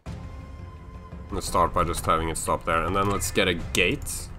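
Young Norwegian male streamer, low bright voice, rambling casual chat, faint music and typing behind. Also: fairly even intonation, moderate pace. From Norway. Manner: rambling, thinking aloud with many fillers and restarts. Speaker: YouTuber streaming a building game. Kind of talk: casual live-stream chat while building.

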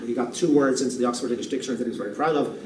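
A man's voice: medium pitch, steady tone, rapid-fire, darkish tone. A man in his sixties giving a public lecture at a lectern, thoughtful and restarting often, repeating words as he works out each point. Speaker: keynote speaker. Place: lecture room, standing at a lectern. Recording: echoey room, far from the mic, room noise.

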